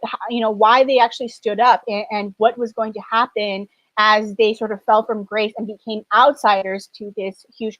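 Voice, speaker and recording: A woman's voice: on the high side, no echo, dull audio. A woman born in China and raised in Canada, a documentary director answering interview questions thoughtfully, with frequent restarts.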